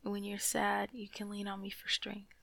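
A woman in an ASMR comfort roleplay, speaking softly and soothingly to a loving partner, often slipping into whispers close to the mic. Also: medium pitch, completely flat delivery, normal speed, gravelly, no room sound.

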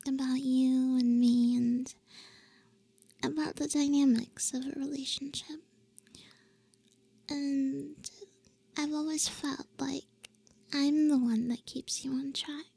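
A young woman whispering a roleplay for the listener in a soft, teasing, affectionate way, with breathy little hums between phrases. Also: sits high. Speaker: audio roleplay performer.

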